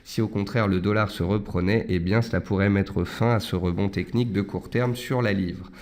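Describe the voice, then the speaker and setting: Male morning market-briefing host, lowish pitch, live analyst commentary, step-by-step explanations for listeners. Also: fairly even intonation, normal speed, a little mellow. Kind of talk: live financial market commentary with audience questions.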